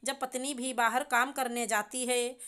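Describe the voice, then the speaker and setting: A woman's voice: fairly high pitch, fairly even intonation, a little slow, sharp tone, smooth. A woman voicing a young husband who questions his wife curtly, then talks things through. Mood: pleading. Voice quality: curt, demanding. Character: worried, stern young husband.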